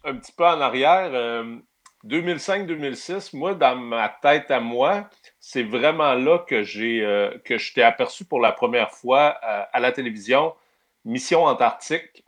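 A man's voice: medium pitch, lively intonation, fairly bright tone. Man hosting a casual interview. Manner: measured, leading questions with fillers. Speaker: podcast host.

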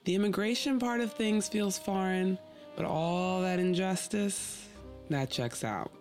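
A woman's voice: medium pitch, unhurried, darkish tone, faint music behind. A woman podcast host from the United States, narrating her story in a wry, conversational way.

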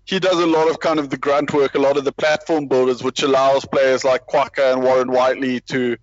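A man's voice: medium pitch, flat delivery, fairly quick, dry recording, dull audio. A man talking rugby in a casual, rambling way, with many restarts and self-deprecating asides. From South Africa. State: parent with a baby nearby. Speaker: rugby podcast panelist. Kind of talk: casual chat.

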